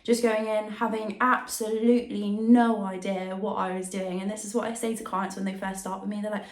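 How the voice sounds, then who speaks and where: A woman's voice: mid-range voice, flat delivery, brisk. A young woman chatting casually to camera as a vlogger, her voice affected by a sore throat from tonsillitis. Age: young adult. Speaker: YouTube vlogger and fitness coach. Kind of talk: casual talk to camera, introduction and Q&A. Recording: roomy indoor echo.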